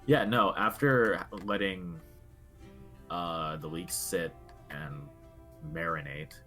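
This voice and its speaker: A young adult man co-hosting a podcast talks casually about video games, earnest and reflective. He has a deep voice and a sharp tone, speaking slowly, with faint music behind him.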